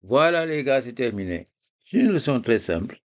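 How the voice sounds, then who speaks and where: A man teaching a live reading lesson, explaining slowly and patiently with repeated examples. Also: medium pitch, big pitch swings.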